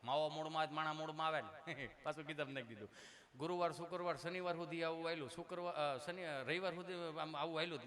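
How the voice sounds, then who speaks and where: Animated man telling comic tales. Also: on the high side, fast, crowd noise. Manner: animated, acts out dialogue between characters. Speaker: dayro comedian and storyteller. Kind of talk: live stage comic storytelling.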